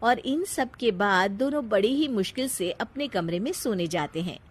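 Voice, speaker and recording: A woman narrating a scripted story in an animated, expressive way, with a teasing manner as she addresses the listener. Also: medium pitch, normal speed, breathy edge.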